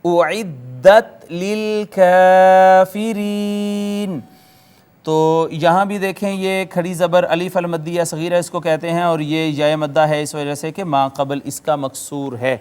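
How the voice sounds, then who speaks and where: A man's voice: a little high, level tone, darkish tone, clean tone. A man with a Pakistani Urdu accent teaching Quranic Arabic grammar, explaining word by word with patient repetition. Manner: patient, methodical, spells out words and repeats meanings; chants Quranic words slowly in a drawn-out recitation tone. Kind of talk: classroom-style recorded lecture.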